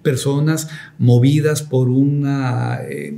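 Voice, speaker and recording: Mellow-voiced pastor telling a testimony. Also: male voice, mid-range voice, steady tone, slow, creaky. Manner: reflective storytelling with hesitant fillers, rising to emphatic preaching.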